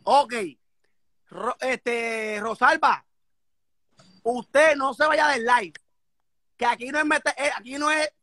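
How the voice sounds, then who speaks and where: A speaker talking loudly and emphatically on a live stream, cursing. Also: sits high, slow pace, long pauses, no room sound. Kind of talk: excited gossip chat.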